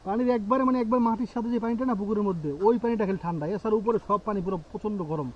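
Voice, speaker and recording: Fast-talking young man, high voice. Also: dull audio, a little hiss or hum. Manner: chatty, coaxing with his small son, talks to viewers directly. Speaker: family vlogger. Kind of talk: casual family vlog chat. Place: outdoors at a rural home with a pond.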